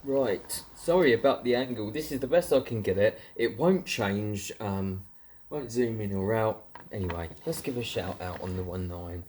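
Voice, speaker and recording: There's a little hiss or hum under this lowish, darkish male voice moving at a moderate pace. With a southern English accent, he rambles informally in British slang, like a hobbyist filming a casual CB radio vlog.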